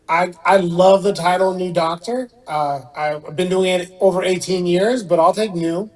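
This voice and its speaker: A middle-aged man born in Iran and raised in Southern California speaks English as his second language, answering conversationally as a guest surgeon. His voice sits high and steady, his pace is measured, and the audio quality is poor.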